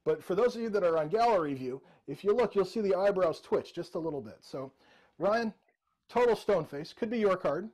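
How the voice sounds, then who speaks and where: A man's voice: high-pitched, animated, brisk, a little mellow, rough recording. A middle-aged man performing jokey, interactive mind-reading magic patter as a showman, addressing participants by name. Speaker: virtual magician and mentalist. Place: indoor room with bookshelves, video call.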